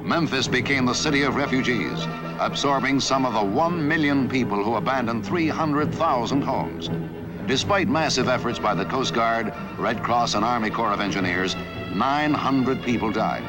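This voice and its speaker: A man narrates a scripted historical newsreel documentary. His medium-pitched delivery is measured and authoritative, with music clearly playing behind him. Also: low-quality recording. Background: background music.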